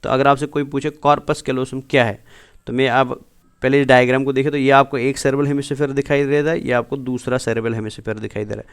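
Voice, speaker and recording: A man gives a biology lesson in a smooth, clear voice. He walks his students through the material, poses questions and answers them himself, and slips English terms and whole sentences into his speech. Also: mid-range voice, little pitch movement, fast. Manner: keeps asking and answering his own questions, calls students "beta". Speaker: biology teacher. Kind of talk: exam-prep lecture over slides.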